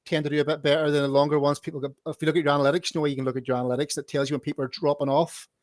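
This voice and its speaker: Chatty, higher-voiced male podcast host. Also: level tone, very fast, no echo, studio quality. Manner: chatty, encouraging, repeats words while finding them. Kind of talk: casual live-stream interview.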